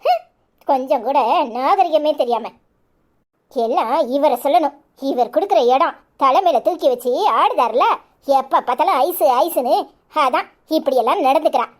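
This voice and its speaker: Woman doing a sharp-tongued village wife, kanyakumari tamil accent, high voice, swoops all over while she scolds. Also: lively intonation, normal speed. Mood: angry. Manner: scolding, shrill, sarcastic. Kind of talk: cartoon voice acting.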